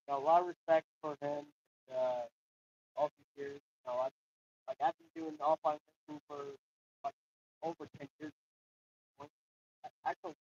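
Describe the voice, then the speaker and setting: A man answering interview questions with many halting fillers, his voice muffled and far away, as if heard through a wall. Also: darkish tone, no echo. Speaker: tournament competitor. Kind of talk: post-match style interview answer. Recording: muffled, dull, low-quality mic.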